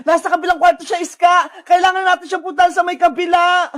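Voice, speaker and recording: Brief: extremely high cartoon voice, frantic, shouting for help. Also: level tone, fast. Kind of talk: cartoon voice acting.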